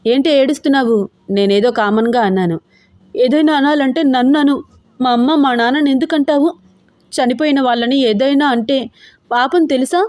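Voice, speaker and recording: A woman voicing an angry, hurt young wife who snaps back in sharp, tearful outbursts. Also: high-pitched, fast talker, hardly any pauses, voice pushed up, close to an everyday voice. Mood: upset.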